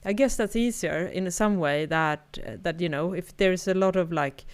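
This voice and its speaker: With a lowish, smooth voice at normal speed, a Swedish-accented woman from Sweden chats casually as a podcast co-host, laughing a lot and often restarting what she's saying.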